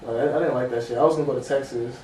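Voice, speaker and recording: A young man in his twenties co-hosting a podcast, jumping in with quick slangy reactions in casual chat. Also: medium pitch, steady tone, mellow, distant mic. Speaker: podcast co-host. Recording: roomy sound, off-mic, faint noise.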